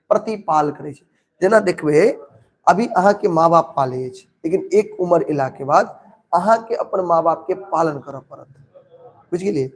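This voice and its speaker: A man's voice: a little high, a little mellow. Man teaching. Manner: asks questions and answers them himself; repeats key words, checks understanding. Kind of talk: exam-prep lesson.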